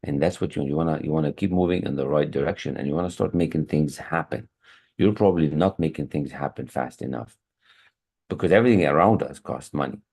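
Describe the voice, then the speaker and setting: A man's voice: a bass voice, fast talker, creaky, darkish tone, breathy edge. A man coaching in a motivational online lesson, earnest, repeating key phrases and restarting his sentences. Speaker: high performance coach. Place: online meeting room. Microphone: computer mic on a video call.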